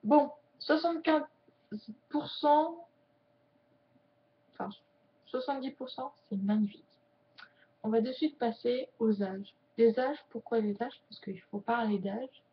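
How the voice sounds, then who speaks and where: A woman chatting casually to camera as a sign language YouTuber, joking and slowing her words as she signs. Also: a little high. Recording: dull lo-fi sound.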